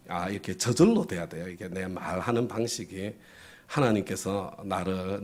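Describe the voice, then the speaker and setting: Lively Korean pastor preaching. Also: male voice, medium pitch, breathy edge. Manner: lively, asks the audience questions and answers them; acts out little quoted voices for effect. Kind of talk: sermon lesson to a congregation.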